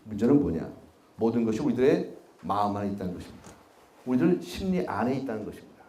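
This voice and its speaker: A middle-aged man giving a public lecture, telling stories and putting questions to his audience, sometimes quiet and sometimes loud. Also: on the low side, big pitch swings, fast talker. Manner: storytelling, asks the audience questions, wide swings in loudness. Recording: echoey hall.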